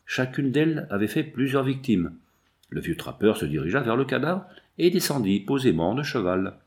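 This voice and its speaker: A man's voice: medium pitch, big pitch swings. Man reading a dramatic audiobook. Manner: measured, dramatic first-person reading. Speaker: audiobook narrator. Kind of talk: scripted narration.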